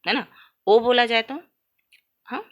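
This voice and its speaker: Here a woman teaches grammar as in a classroom, stretching sounds to demonstrate and answering the questions she puts to her students. Her fairly high voice is pushed and bright at a moderate pace, and the highs are cut off.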